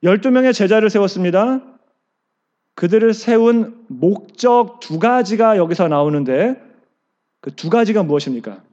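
High-voiced pastor preaching a sermon. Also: male voice, expressive, moderate pace, dark tone, lo-fi sound. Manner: asks the congregation questions and answers them himself; acts out quoted lines.

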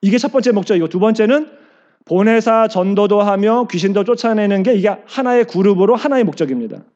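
A man's voice: high voice, lively intonation, a little fast, a little mellow, highs cut off. A male pastor preaching a sermon, asking the congregation questions and answering them himself, and acting out quoted lines.

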